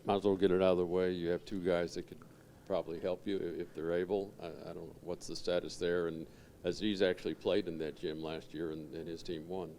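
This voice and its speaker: A man's voice: sits low, level tone, brisk, few pauses, warm tone, slight background noise. A man asking a coach a question at a press conference, casual and slightly hesitant. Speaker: reporter.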